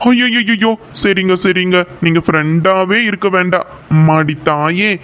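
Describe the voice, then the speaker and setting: Guy doing a high-voiced smitten cartoon dude with kongu tamil accent, all pleading and flustered. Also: measured pace, fairly bright tone, clean tone, faint music behind. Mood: wooing. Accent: Kongu Tamil (Coimbatore). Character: lovestruck young office-working man, timid and pleading. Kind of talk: cartoon voice acting.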